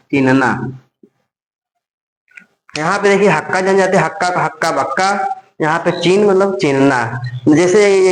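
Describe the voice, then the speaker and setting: A man's voice: fairly high pitch, echoey room, poor audio. A man teaching an exam-prep lesson with memory tricks, repeating each phrase several times and answering his own questions. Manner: repetitive, drills phrases over and over, asks and answers himself.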